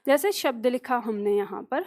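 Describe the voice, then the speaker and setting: Teacher lady, pretty high voice, explaining letters and asking the class first or second. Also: lively intonation, moderate pace, a little mellow. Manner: quizzes students with pronunciation choices; explains at a board with pointing words. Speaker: Hindi teacher. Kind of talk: classroom lecture.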